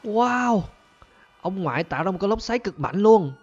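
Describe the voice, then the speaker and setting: A man hosting a gaming channel, giving excited gameplay commentary and talking straight to his viewers. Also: high voice, normal speed, lo-fi sound. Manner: animated, keeps addressing viewers as "các bạn ơi".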